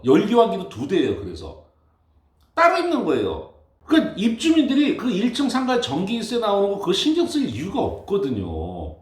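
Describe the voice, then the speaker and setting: Animated man telling work stories, roomy echo. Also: sits high. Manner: animated, exasperated anecdote telling with acted-out quotes. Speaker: building facility manager. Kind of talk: casual storytelling monologue.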